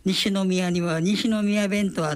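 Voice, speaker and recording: An older man with a Kansai accent hosting a solo radio talk, reading out listener letters in an unhurried, genial, chatty way. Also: high-pitched, flat delivery. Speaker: radio host.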